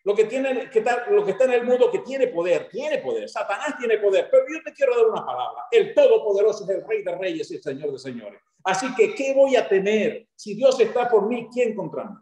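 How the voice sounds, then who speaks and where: Excitable Venezuelan pastor from Maracaibo. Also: male voice, high-pitched, roomy sound. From Venezuela (Zulia). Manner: fast, excitable preaching. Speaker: guest pastor. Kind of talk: sermon.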